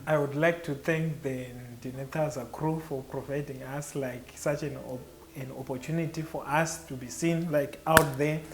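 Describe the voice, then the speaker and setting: A man's voice: a little high, fairly even intonation, moderate pace. A man of about thirty with a Zimbabwean English accent, speaking casually with many fillers in an interview. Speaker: contestant entrepreneur. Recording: echoey room.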